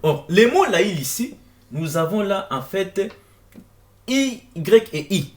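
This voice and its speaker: In an informal online lecture laid over on-screen text, a male presenter speaks slowly in a high, very animated voice. He puts questions straight to his viewers and frequently repeats words as he hunts for the right one.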